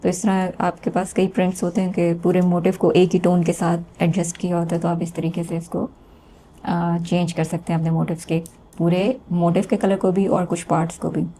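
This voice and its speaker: A woman calmly explaining a screen-recorded design tutorial step by step, with small hesitations. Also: on the low side, moderate pace, a little hiss or hum. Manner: calm step-by-step explaining with fillers. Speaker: textile design instructor.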